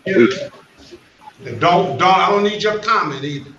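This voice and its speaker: A man's voice: high voice, unhurried, a bit bright, far from the mic, dull audio, slight background noise. A man presiding as judge in court, firm and controlling, heard on a courtroom recording. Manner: stern, firm, interrupts to keep control. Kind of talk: courtroom proceedings. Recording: echoey courtroom from afar, faint music.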